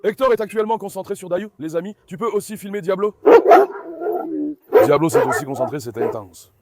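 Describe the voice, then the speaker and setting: A man hosting a dog vlog, giving running commentary to viewers and repeatedly calming his dogs with soothing commands. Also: sits high, brisk, heavy background noise. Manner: talks directly to viewers as friends. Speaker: dog owner and channel host.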